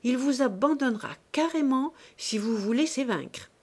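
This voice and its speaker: A woman voicing a shrewd, unhurried male politician with a sly, matter-of-fact manner in an audiobook. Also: sits high, expressive, a little mellow, pitched above the performer's own voice. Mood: calm. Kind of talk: audiobook character voice.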